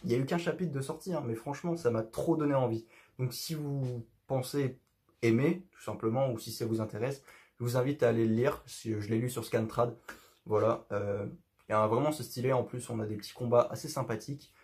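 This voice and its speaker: A young man chatting casually to his viewers from his bedroom. He rambles, trailing off and restarting with plenty of fillers, at an ordinary middle pitch. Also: fairly quick, darkish tone. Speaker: youtuber. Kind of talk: casual chat to camera.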